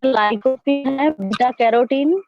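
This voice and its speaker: A woman slowly reading points aloud over a video call whose audio keeps breaking up and dropping out. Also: high voice, lo-fi sound, soft background music. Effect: choppy voice breaking up on the call line. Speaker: session participant reading aloud. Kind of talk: halting read-aloud of points.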